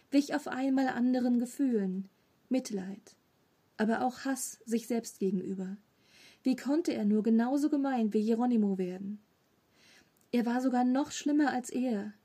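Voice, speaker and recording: Woman reading a kids story, mellow and a bit breathy. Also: a little high. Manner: steady storytelling. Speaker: audiobook reader. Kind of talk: children's audiobook narration.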